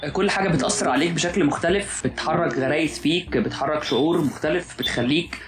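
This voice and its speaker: Fast-talking Egyptian man musing aloud. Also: fairly high pitch. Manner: musing, philosophical, restarts often. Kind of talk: casual chat. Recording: music playing under the voice. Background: music.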